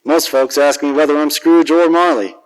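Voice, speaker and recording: A man's voice: fairly high pitch, steady tone, moderate pace, smooth, lightly acted, rough recording. Man playing Scrooge, a cynical hardboiled private eye. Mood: wry. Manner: wisecracking, slangy, world-weary. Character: cynical, grumpy, hard-drinking private detective. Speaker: actor narrating as lead detective. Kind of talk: hardboiled 1940s radio detective narration.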